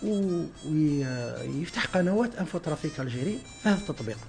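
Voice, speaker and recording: A man's voice: fairly high pitch, animated, fast, vocal fry, darkish tone, soft background music. A man with an Algerian Arabic accent, a guest on a radio interview, explaining at length with many filler sounds and French words mixed in. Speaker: guest, traffic info page team member.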